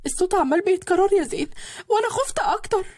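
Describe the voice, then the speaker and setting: A stubborn, childish young bride with an Egyptian accent, put on by a woman storyteller. Her voice rides high and leaps all over, whining and pouting in fast retorts. The sound is dry and close. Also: very animated, no echo. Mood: frightened whiny. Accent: Egyptian Arabic. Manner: whiny, pouty, quick retorts.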